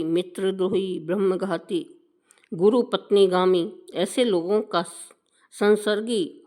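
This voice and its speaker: A woman voicing righteous male divine messengers who lecture sternly in a slow, measured recitation. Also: medium pitch, close to an everyday voice.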